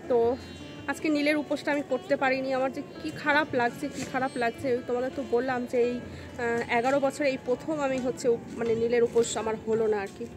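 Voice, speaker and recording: Bengali lady vlogging, high voice, talks fast and rambly, music under it. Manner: chatty, rambling, addresses viewers as friends. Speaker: family vlogger. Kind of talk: casual chat to viewers.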